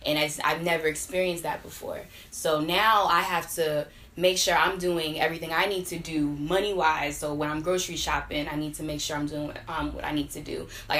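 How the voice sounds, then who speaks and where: A woman in her early twenties talking casually and candidly on a podcast, laughing often. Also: low voice. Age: 20s. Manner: animated, laughing storyteller. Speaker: podcast guest. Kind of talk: casual chat.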